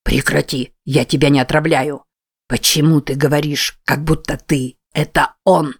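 A woman's voice: low voice, fairly even intonation, moderate pace, creaky, breathy edge, full character voice. A woman reading an audiobook, voicing an agitated young man who insists on his innocence. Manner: agitated, defensive. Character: frantic young man shaking a friend.

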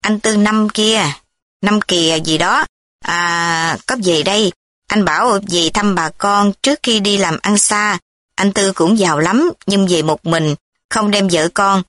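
A woman's voice: mid-range voice, unhurried, fairly bright tone, no echo, clean studio sound, natural voice. A woman reading the lines of a talkative, rambling middle-aged aunt in a recorded story. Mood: gossipy.

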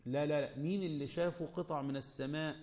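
A man with an Egyptian Arabic accent giving a Quran commentary lesson, quizzing his listeners and slowing down to recite verses. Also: on the high side, fairly even intonation, a little mellow. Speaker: religious teacher. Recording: echoey, dull lo-fi room recording.

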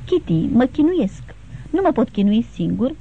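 Give me a woman voicing a despairing young man in a storybook, pleading, raised pitch. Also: expressive, warm tone, a little hiss or hum, natural voice. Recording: tinny phone-like sound.

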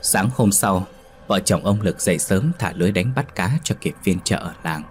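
A man narrating a horror story in steady, dramatic storytelling. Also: sits low, normal speed, soft background music.

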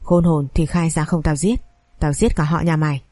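A woman voicing a drunken, abusive older husband who snarls curses and rapid threats. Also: low voice, steady tone, warm tone, no echo, studio quality. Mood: threatening.

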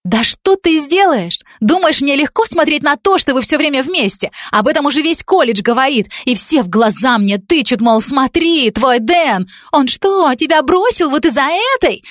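A woman reading a story, voicing a jealous, hysterical young female student who shouts accusations through tears. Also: high-pitched, lively intonation, moderate pace, hardly any pauses, no room sound, studio quality, pitched above the performer's own voice. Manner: screaming, sobbing accusations. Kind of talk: audiobook character reading.

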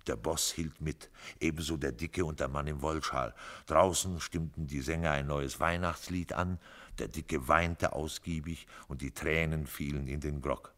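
A man giving an expressive, measured literary reading of a story for radio. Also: very deep voice. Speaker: reader. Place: radio studio.

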